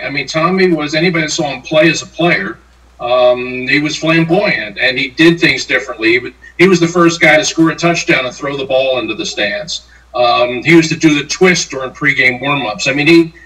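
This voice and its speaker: An older man tells an anecdote in a bright, forceful voice that sits a little high. He sounds off-mic, in a roomy space. He acts out each quote as he goes. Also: recorded from a distance. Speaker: guest, sportswriter and playwright. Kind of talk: storytelling interview answers.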